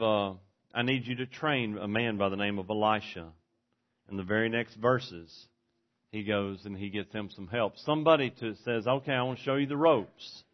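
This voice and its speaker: A man preaching a sermon in an earnest manner, swinging between forceful and hushed delivery. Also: fairly low pitch. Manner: earnest, varies volume widely, from forceful to hushed. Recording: dull lo-fi recording.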